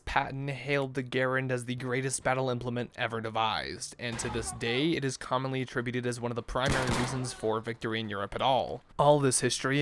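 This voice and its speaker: A man's voice: mid-range voice, noisy background. A man giving scripted commentary for a video game gun guide, with wry, self-deprecating humor. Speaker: gaming YouTuber. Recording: voice-over with game gunfire behind.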